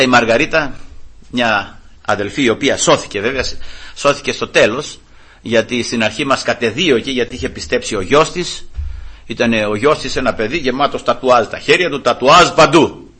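A middle-aged man from the Peloponnese preaching a sermon in church, telling his own story as an animated storyteller who keeps turning to address the congregation. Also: medium pitch, husky. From Greece, Peloponnese. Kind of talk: sermon with personal testimony.

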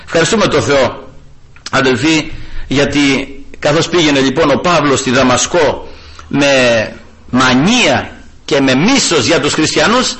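Man, sermon, fervent preaching, high bright voice, loud outbursts and quiet asides. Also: poor audio. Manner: fervent, swings from loud exclamations to soft asides.

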